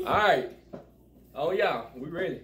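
Joking, laughing family-vlog dad. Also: male voice, a little high, slight background noise. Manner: loud, joking, laughs often. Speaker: family vlog host, father. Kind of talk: casual family game chat.

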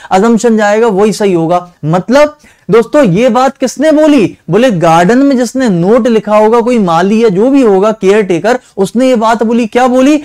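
A man with a notably high voice leads an online exam-prep lesson in reasoning. He talks to his students directly and coaxingly, asking them again and again to answer honestly. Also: darkish tone. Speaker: teacher.

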